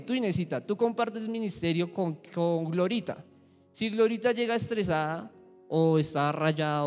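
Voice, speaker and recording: A man's voice: a little high, a little mellow. A young man teaching an interactive Bible lesson to a church group, asking questions and acting out examples. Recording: echoey hall with faint music.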